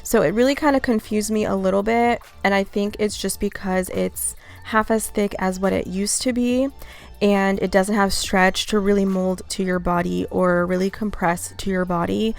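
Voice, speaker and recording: A woman's voice: mid-range voice, fairly even intonation, moderate pace, creaky. A young woman chatting casually in a gym vlog, upbeat and talking straight to her viewers, a little out of breath after her workout. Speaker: fitness vlogger. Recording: faint music behind.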